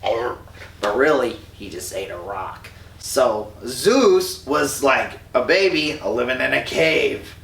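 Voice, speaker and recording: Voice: mid-range voice, animated, takes it slowly, creaky, fairly bright tone, a little hiss or hum. A storyteller retelling a myth while drinking, rambling and slangy. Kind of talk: drunken comic myth retelling. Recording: roomy echo, distant mic.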